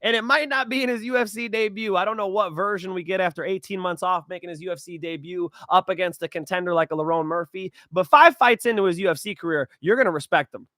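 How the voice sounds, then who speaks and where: A young man hosting a fight predictions show, talking in a rambling, excitable way and swearing freely. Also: high-pitched, fast talker, hardly any pauses, dry recording, studio quality. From California. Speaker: host.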